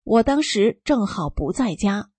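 Calm, husky woman reading a story. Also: mid-range voice, measured pace, no room sound. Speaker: reader of a first-person testimony. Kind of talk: scripted narration.

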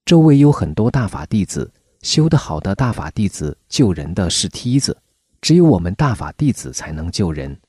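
A man's voice: deep voice, sing-song, moderate pace, mellow, slightly rough, dry recording. A man reading the close of a first-person article aloud in an earnest, lilting way. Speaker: article reader. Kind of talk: scripted reading of a testimonial article.

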